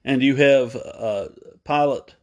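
A man preaching a sermon, retelling a story at an unhurried pace with pauses, fillers and small self-corrections. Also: medium pitch, darkish tone.

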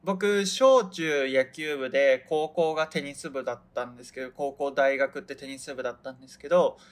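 A man's voice: mid-range voice, moderate pace. A young man from Hokkaido, Japan, hosting his own radio show and chatting casually, rambling and often losing his thread. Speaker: podcast host. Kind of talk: casual solo radio chat.

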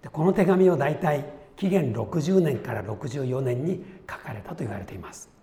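A man's voice: mid-range voice, animated, moderate pace, mellow. A man preaching a sermon as a pastor, chatty and folksy, with easy asides before he turns to the Bible passage. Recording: echoey room with faint ambience.

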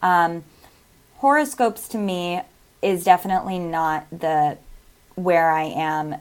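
A woman's voice: on the low side, slow, clean tone. A woman talking as a podcast guest in a casual, reflective way, feeling out her phrases thoughtfully. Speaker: podcast guest, astrologer and author.

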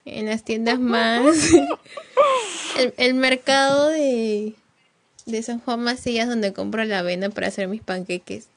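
A woman's voice: on the high side, expressive, slow pace, slight background noise. A young woman, teasing and joking with friends over a video call. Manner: teasing, playful. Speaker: podcast co-host. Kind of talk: casual chat among friends.

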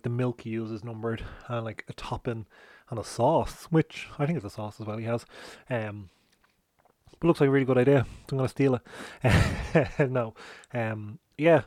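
A man in his thirties rambles through a cereal review, talking with food in his mouth and swearing freely. His voice sits in a middle pitch. The room sound is dry and close. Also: a little mellow, dry recording. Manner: chatty, swears, talks while eating. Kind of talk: casual rambling chat.

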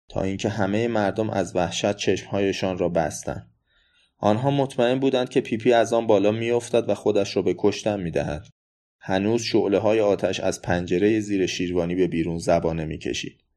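A man narrating a children's storybook in a steady, measured reading. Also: on the low side. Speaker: audiobook narrator.

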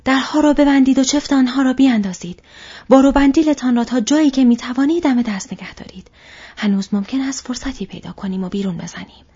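A resolute ranger leader, whispered by a woman in whispered role-play, giving orders in a husky, breathy whisper. The sound is dull and lo-fi. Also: medium pitch, hardly any pauses, mellow. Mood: urgent.

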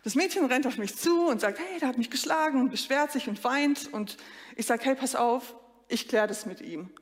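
A woman preaches in a lively storytelling way, often turning straight to her congregation. Her voice sits fairly high. It rings through a church hall with a long reverb. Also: normal speed. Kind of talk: sermon.

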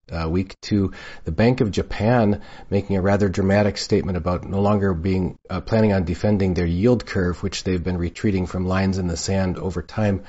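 A man hosts an interview in a low voice with a frog in his throat. He sounds like he is getting over a cold. The audio is slightly dull and lo-fi. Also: a little mellow. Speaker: interview host. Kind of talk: interview hosting.

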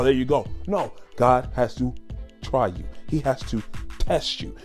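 A man's voice: mid-range voice, a little mellow. A man giving an informal sermon, emphatic and full of rhetorical questions. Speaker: lay preacher.

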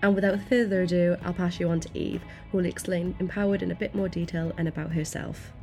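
A woman's voice: fairly low pitch, fairly even intonation, fast, creaky, darkish tone. A woman hosting a podcast, reading a scripted welcome and introduction to the show. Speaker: podcast host. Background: music with guitar.

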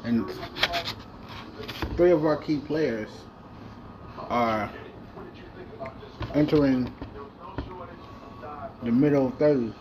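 A man's voice: medium pitch, extremely slow, pauses often, lo-fi sound, background noise. A man talking through a basketball video game franchise in loose, profane, rambling chat. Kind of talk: casual gameplay commentary.

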